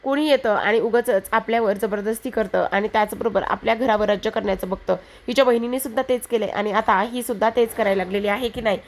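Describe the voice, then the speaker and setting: A woman's voice: a little high, fast talker, few pauses, close to an everyday voice. A woman voicing an angry older woman of the household who scolds with contempt. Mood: scolding.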